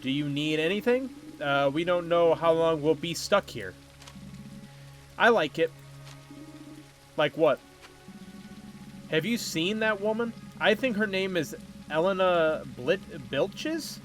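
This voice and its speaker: A man's voice: a little high, lively intonation, takes it slowly, pauses often, soft background music. A man voicing a flirtatious, carefree husband, reading game dialogue aloud in a teasing way.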